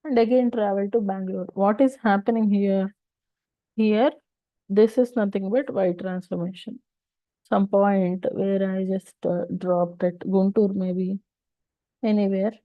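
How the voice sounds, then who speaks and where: A woman's voice: mid-range voice, steady tone, a little slow, dry recording. South Indian woman teaching, dull dry audio. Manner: explains step by step with repeated rhetorical questions. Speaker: data engineering instructor. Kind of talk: informal technical lesson.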